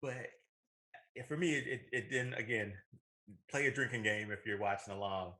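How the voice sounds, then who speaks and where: Fairly low in pitch and sharp in tone, this man's voice moves at a moderate pace. He's in his thirties, co-hosting a relaxed movie and video game show, and his informal banter keeps circling back to points he's already made.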